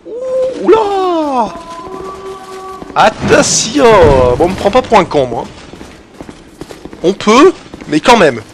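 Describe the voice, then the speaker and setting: A man giving excitable gameplay commentary, swearing often and talking to his viewers, with loud game sound behind him. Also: high-pitched, unhurried, long pauses. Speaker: gaming channel host. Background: game audio and noise.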